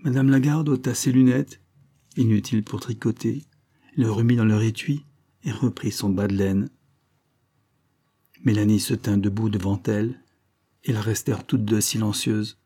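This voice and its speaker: Man reading an old novel aloud, low mellow voice, steady and calm. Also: moderate pace, pauses often. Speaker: audiobook narrator. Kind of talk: scripted literary narration.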